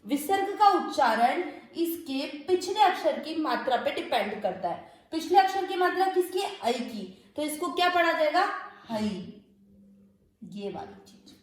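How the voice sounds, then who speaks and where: A woman's voice: sits high, very animated, a little slow. A woman teaching Sanskrit verse pronunciation step by step, patiently repeating syllables and asking rhetorical questions. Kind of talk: step-by-step recitation lesson. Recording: very echoey room.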